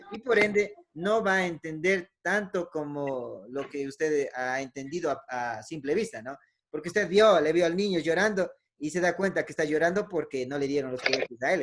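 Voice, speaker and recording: His fairly high, somewhat bright voice comes with slight background noise. He's a speaker giving a conversational teaching talk on emotions, saying "eh" a lot, correcting himself, and closing many phrases with a questioning "¿no?".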